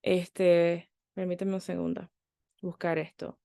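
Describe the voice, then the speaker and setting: A woman teaching a Bible class, reading scripture aloud quickly and then explaining it, with frequent fillers and restarts. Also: on the low side, little pitch movement, gravelly, mellow, dry recording, clean studio sound.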